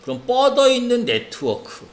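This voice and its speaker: In an academy classroom, a man with a very high voice teaches an English reading lesson at a moderate pace, with slight background noise. He reads English words in a Korean accent and stays lively, constantly checking in with students through tag questions.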